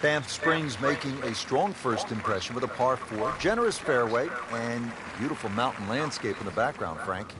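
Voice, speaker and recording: A man's voice: medium pitch, animated, moderate pace, few pauses, over a noisy crowd, natural voice, poor audio. A man playing a composed television golf commentator, calling play-by-play for a video game. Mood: measured commentary. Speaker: golf commentator, lead announcer.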